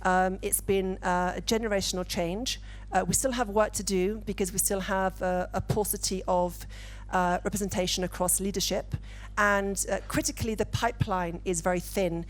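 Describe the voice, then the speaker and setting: A woman from the UK speaking as a panelist, measured and deliberate, on a conference stage with a handheld mic. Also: mid-range voice, fairly even intonation. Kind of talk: panel discussion.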